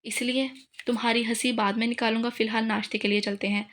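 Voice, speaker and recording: A woman's voice: a little high, flat delivery, fast talker, close to an everyday voice. A woman reading the lines of a confident young husband who teases his wife in a romance novel.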